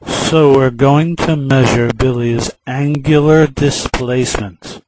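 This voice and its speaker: A male teacher explains math at a very slow, deliberate pace. He repeats key words patiently and builds each point through a small story. Faint background hiss runs under the recording. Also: mid-range voice, fairly even intonation.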